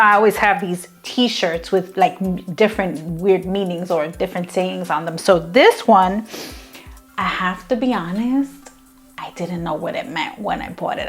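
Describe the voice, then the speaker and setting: A woman in her fifties hosting a craft tutorial in a casual, chatty way, gushing with enthusiasm and tossing in self-mocking asides. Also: medium pitch.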